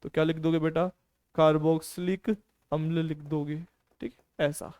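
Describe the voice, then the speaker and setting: A man's voice: a little high, little pitch movement, moderate pace, a little mellow, clear, resonant tone. A male chemistry teacher lecturing in a casual, encouraging classroom style. He keeps asking students questions and answering them himself, often calling them "beta".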